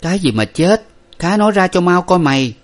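A man reading a story, voicing a brisk, strong-willed wife who scolds sharply. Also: high voice, sing-song, pitched above the performer's own voice.

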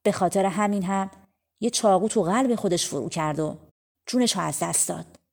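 A woman narrates a folk tale audiobook in a medium-pitched voice. Her telling is casual and colloquial, like a story shared aloud rather than recited. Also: vocal fry, a little mellow.

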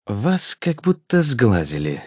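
A man voicing a British gentleman with a British accent and soft, mumbled consonants. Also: mid-range voice, huge pitch swings, takes it slowly, slightly rough, no echo, pitched above the performer's own voice, exaggerated voice. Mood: curious.

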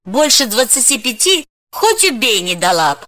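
A woman's voice: a little high, very animated, normal speed, pushed and bright, no room sound, clean studio sound, voice pushed up. A woman reading an audiobook, voicing a brash young woman from Moscow who talks bluntly and familiarly.

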